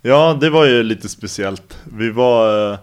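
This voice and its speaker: A man's voice: mid-range voice, clear, resonant tone. Laid-back man telling stories. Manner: relaxed, rambling, filler-heavy Swedish slang. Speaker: interview guest. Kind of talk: casual conversational storytelling.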